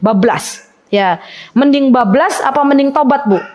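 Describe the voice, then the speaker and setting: A woman's voice: sits high, unhurried, a little mellow. A woman giving a conversational religious lecture to a women's study circle, chatty, asking her listeners questions and acting out their regrets. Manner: chatty, asks the audience questions, acts out quoted laments. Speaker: Islamic teacher leading a women's study circle.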